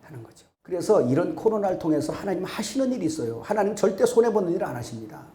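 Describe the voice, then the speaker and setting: A man preaching a sermon as pastor. He is impassioned and swings from loud exclamations to hushed asides. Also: high voice, very animated, fast. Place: church sanctuary. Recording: echoey church hall.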